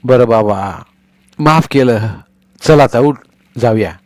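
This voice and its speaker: A man's voice: mid-range voice, takes it slowly, a little mellow, no echo, natural voice. A man voicing a timid village boy in a storybook reading, meek and pleading. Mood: coaxing.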